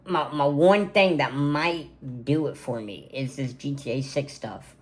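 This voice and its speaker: A man's voice: fairly high pitch, unhurried. 20s dude rambling to his cam from his gaming room, lots of um and like, super casual. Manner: rambling, filler-heavy, casual slang. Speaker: content creator. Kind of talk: casual birthday vlog to camera. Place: home gaming room, indoors.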